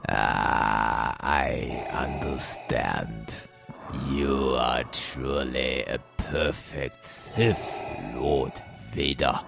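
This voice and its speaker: Sinister, manipulative old emperor, audio drama, very gravelly, extremely slow delivery. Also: male voice, rumbling low, full character voice. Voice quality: gravelly, creaky. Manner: slow, deliberate, gloating. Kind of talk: dramatized villain dialogue in audio story.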